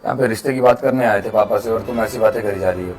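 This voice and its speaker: A man acting a kind young man who calmly pleads with his girlfriend in a melodramatic skit. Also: fairly low pitch, music in the background, close to an everyday voice. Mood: pleading. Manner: pleading, soothing, talks quickly. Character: gentle, kind young man defending a servant. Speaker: actor in a short skit.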